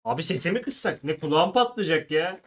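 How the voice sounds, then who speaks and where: A man streaming a horror game, swearing, yelling at the screen and talking to himself. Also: fairly high pitch, animated, fairly quick. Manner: swears a lot, jumpy, yells at the game. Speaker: gaming streamer. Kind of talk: horror game let's play commentary.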